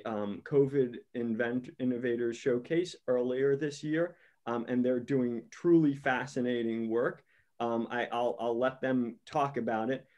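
A middle-aged man hosts a session over a video call, talking into a laptop webcam in a small room. He introduces the speakers loosely and haltingly, stopping and restarting his sentences often. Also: mid-range voice, darkish tone. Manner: halting, many fillers and restarts. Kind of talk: casual spoken introduction.

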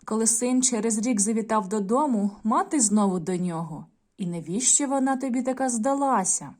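A woman's voice: fairly high pitch, animated, a little mellow. Woman teacher reading a tale to children. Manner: clear, measured storytelling to children. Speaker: primary school teacher. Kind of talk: video lesson with read-aloud tale.

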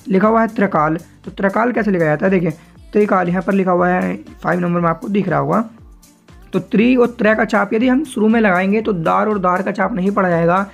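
Gravelly-voiced man teaching step by step. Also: high-pitched, highs cut off. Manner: patient, repeats points, often asks if it is clear. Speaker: shorthand teacher. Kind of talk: explaining a lesson step by step.

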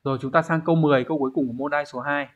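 A man's voice: on the high side, steady tone, very fast. A man teaching an online exam review lesson, explaining step by step and often checking in with his students. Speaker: Japanese teacher. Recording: dull lo-fi recording.

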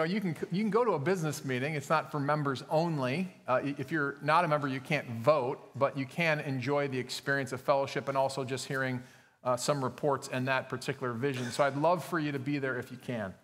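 A man with a medium-pitched, slightly bright voice speaks quickly. He's a pastor delivering a conversational sermon full of fillers and self-corrections, recorded in a church sanctuary with long hall reverb.

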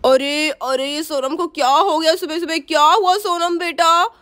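A woman's voice: extremely high pitch, fairly even intonation, measured pace, a bit bright, dry recording, studio quality. A woman voicing a good-humoured village father in a doll story, teasing and joking.

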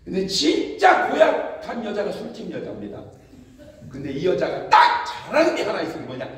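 Male pastor, high and very lively pitch, comic revival sermon, echoey church hall from far off. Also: normal speed. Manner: animated storytelling with mimicked voices and laughter.

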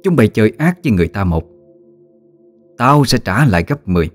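Man playing a mean old lady of the manor, low harsh voice, threatening. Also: very animated, a little fast, soft background music. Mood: furious. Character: stern, vengeful older mistress of a magistrate's house.

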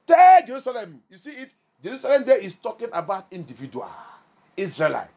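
High-voiced pastor preaching in two languages. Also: male voice, very animated, fairly quick, creaky, slightly rough. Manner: preaching with sharp swings between loud and soft; switching between French and English. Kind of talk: bilingual sermon.

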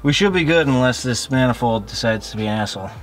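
A man's voice: medium pitch, animated, fast, fairly bright tone. A young man helping with an outdoor car repair, talking bluntly and tersely, with some swearing. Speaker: mechanic helper. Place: outdoors on a street beside a car. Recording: faint background noise.

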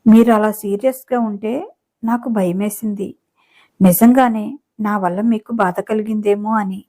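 Woman narrator reading a shy, apologetic young wife for a romance story; soft, warm voice. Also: medium pitch, fairly even intonation, normal speed, natural voice. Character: timid tender young wife.

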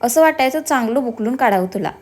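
A woman voicing a lively young bride who scolds and teases her husband in a told story. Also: a little high, quick pace. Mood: playful. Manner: playful scolding.

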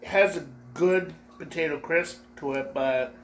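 A man's voice: on the high side, a little slow. A man in his thirties hosting a casual food review vlog in a small living room. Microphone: camera or phone at arm's length. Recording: noisy room recording.

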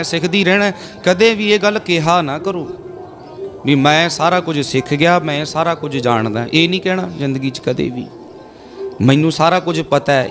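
A male preacher giving a storytelling sermon to a congregation. He asks them rhetorical questions and leads call-and-response chanting. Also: on the high side. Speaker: Sikh preacher leading a congregation.

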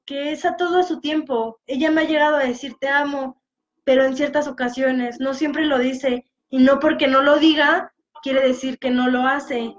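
A woman discussing a novel in casual chat, expressive and acting out the voices she quotes. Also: sits high, normal speed. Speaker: book discussion host. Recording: dull lo-fi sound with faint music behind.

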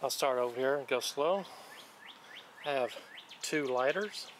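A man hosting his own channel, calmly walking through the items he found one by one in casual show-and-tell narration, recorded outdoors on a dock. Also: mid-range voice, a little hiss or hum. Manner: plain, unhurried, listing items one by one. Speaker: channel host showing magnet fishing finds. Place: outdoors on a wooden dock by a lake.

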